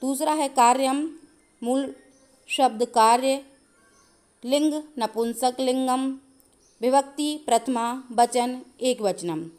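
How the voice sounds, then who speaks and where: Slow, high-voiced woman teaching Sanskrit. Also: a little mellow. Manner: slow, methodical dictation of answers. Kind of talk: explaining a grammar lesson.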